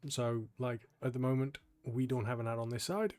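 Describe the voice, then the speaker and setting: A young man, a gaming channel host, casually talking through a gameplay guide in a relaxed, explanatory way, sounding tired and yawning. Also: medium pitch, moderate pace. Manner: relaxed, explanatory, frequent ums.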